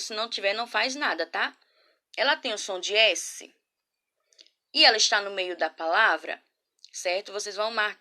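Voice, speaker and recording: A woman teaching a children's class from a camera, patient and affectionate, asking guiding questions and sounding words out slowly. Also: medium pitch, pushed and bright. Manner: patient, slow syllable-by-syllable spelling. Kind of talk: remote class lesson. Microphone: laptop or phone camera.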